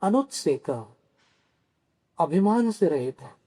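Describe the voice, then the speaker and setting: A man giving a scripture sermon as a monk, teaching slowly, asking his listeners questions and carefully spelling out how words are pronounced. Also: high-pitched, sing-song, dark tone. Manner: slow, teaching, poses questions to listeners and answers them. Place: Kolhapur.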